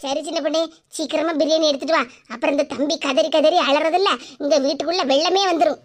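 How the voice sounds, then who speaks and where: A woman's voice: sits high, steady tone, quick pace, natural voice. A woman voicing a gossipy, sly older neighbour woman in a cartoon, speaking in a mocking, scolding way. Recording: loud hiss behind voice.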